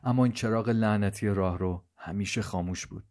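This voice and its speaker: A man reading a scripted story aloud as narrator, with a slow, measured, hushed delivery. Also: fairly low pitch.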